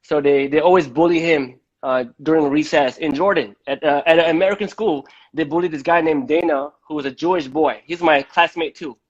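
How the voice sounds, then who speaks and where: A Malaysian man hosts a casual live-stream debate interview, speaking briskly in a high-leaning voice with hardly any pauses. He often repeats words before continuing, and the lo-fi live-stream audio sounds dull.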